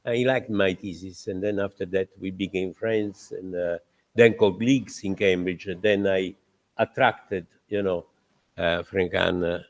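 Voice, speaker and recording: An older man gives a formal lecture introduction in a fairly low voice. He talks haltingly, with frequent filler pauses, and chuckles as he tells his stories. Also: steady tone. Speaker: professor introducing the guest lecturer.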